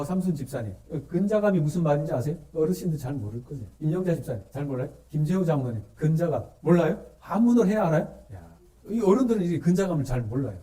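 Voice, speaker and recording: A male pastor delivers a sermon in a church, tossing questions to the congregation and repeating key words to drive them home. His voice sits a little high but sounds dark and mellow. He is picked up from some distance away. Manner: call-and-response questions to the congregation.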